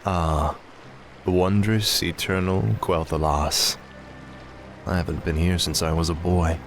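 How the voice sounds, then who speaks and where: An actor playing a cold, arrogant young prince turned death knight in a fantasy video game, menacing and dismissive. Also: male voice, low-pitched, steady tone, takes it slowly, a little hiss or hum.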